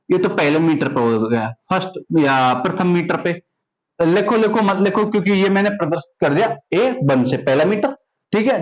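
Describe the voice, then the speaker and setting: A man's voice: sits high, poor audio. A young man teaching a maths lesson, keeps asking questions, then answers them himself.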